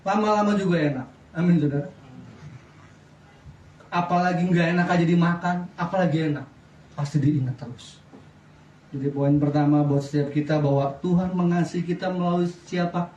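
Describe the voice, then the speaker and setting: A middle-aged man preaching a sermon as pastor, lively, often asking the congregation questions. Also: fairly high pitch, moderate pace, long pauses, lo-fi sound. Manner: lively preaching with wide swings in loudness, asks the congregation questions. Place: church. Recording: echoey church sound from a distance.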